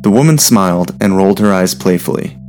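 A man narrating a story in a steady, measured reading voice. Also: low-pitched.

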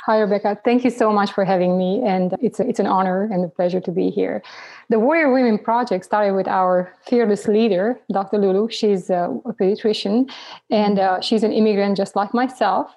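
A woman's voice: mid-range voice, moderate pace, darkish tone. A middle-aged woman from Romania, a physician guest talking casually with frequent restarts. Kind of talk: casual interview talk.

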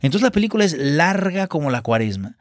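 A man's voice: fairly high pitch, sing-song, a little fast, no echo, clean studio sound. A man giving a casual, exasperated and sarcastic spoken film review. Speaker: film critic.

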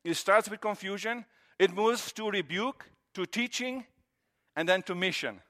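A man's voice: sits high, unhurried, pushed and bright. A man, preaching a sermon in an earnest, conversational way with repeated phrases. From Romania. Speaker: pastor.

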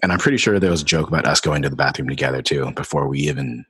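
Husky low-voiced man telling a story. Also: very fast, in a large hall. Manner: animated, laughing, swearing casually. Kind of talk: casual storytelling chat.

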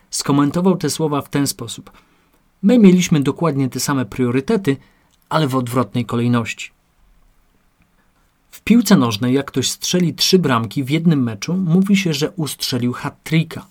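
A man reads a lesson on rhetoric aloud as scripted audiobook narration. His pitch sits in the middle of the usual male range, and his delivery stays measured and explanatory.

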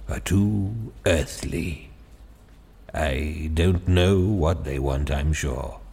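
A man voicing a feeble, dying, very old Father Christmas who talks slowly and wearily. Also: deep voice, slightly rough, heavily acted. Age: older. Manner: slow, weary, faint. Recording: long hall reverb.

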